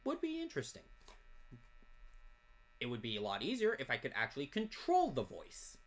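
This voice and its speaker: This card unboxing host has a medium-pitched voice that swoops wildly. He chats casually while opening card packs, rambling from one topic to the next and rattling off card names in quick lists.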